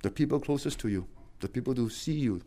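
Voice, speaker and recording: A middle-aged man preaching a sermon as a pastor, swinging between loud exhortation and quiet, low warnings. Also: lively intonation, fast talker.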